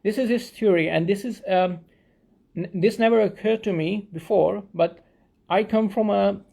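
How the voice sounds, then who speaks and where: A man from Pakistan talks through a theory to his viewers in a thoughtful, explanatory way. His voice sits a little high for a man and has a gravelly, fry-tinged edge. He often stops, restarts and repeats small words while he works out his phrasing. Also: normal speed, warm tone. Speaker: video essayist. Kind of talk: explanatory talk to camera.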